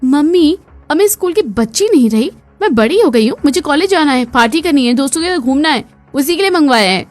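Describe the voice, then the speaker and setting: A woman's voice: sits high, a little fast, faint music behind, lightly acted. A woman voicing a spoiled young college daughter in a cartoon, whiny and petulant.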